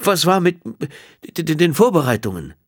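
A man voicing a shocked man who stammers and speaks haltingly, close to a whisper. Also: medium pitch, lively intonation, slightly rough, pitched above the performer's own voice. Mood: shaken.

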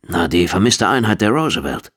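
A man voicing a cheeky, polite soldier with a low voice. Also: sing-song, normal speed, a bit bright, husky, exaggerated voice. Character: cheeky, cheerful young male soldier pilot.

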